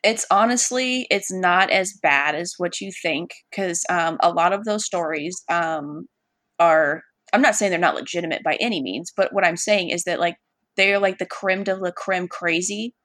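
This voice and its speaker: A woman's voice: lowish voice, normal speed, fairly bright tone, dry recording, studio quality. A woman from Washington State in a casual chat with a friend, blunt and swearing freely, laughing often. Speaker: friend chatting.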